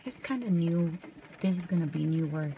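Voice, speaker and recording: A young woman from California chatting softly and casually in ASMR style while brushing her hair in a parked car at night. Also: lowish voice, animated, normal speed, slight background noise, poor audio. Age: young adult. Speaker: vlogger. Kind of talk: soft-spoken ASMR chat. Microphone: camera close up.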